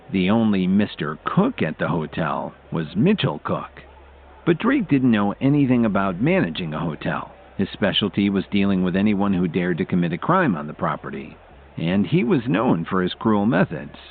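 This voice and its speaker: A man narrating an audiobook in an expressive storytelling manner, heard through tinny phone-like audio. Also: low-pitched, moderate pace, vocal fry, a little hiss or hum.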